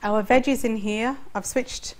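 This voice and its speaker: A middle-aged woman hosts a cooking show in a studio kitchen, explaining every step as she cooks while wearing a lapel mic. Her fairly high voice keeps an even intonation and measured pace. Background noise includes the faint clatter of pots and utensils.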